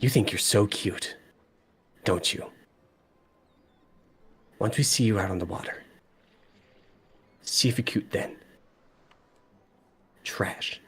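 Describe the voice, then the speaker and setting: A man voicing a stern, menacing female reptilian sailor who speaks in a low, clipped, threatening way. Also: steady tone, normal speed, long pauses, a little hiss or hum, close to an everyday voice.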